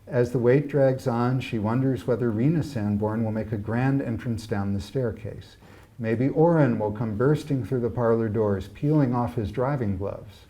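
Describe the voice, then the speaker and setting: A man reading from his own novel at a live literary evening, in a measured and expressive storytelling manner. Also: mid-range voice.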